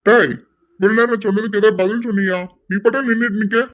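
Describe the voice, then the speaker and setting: A man's voice: sits high, steady tone, quick pace, fairly bright tone. A man doing a bossy, scolding father. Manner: scolding, demanding answers. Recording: slightly dull lo-fi audio.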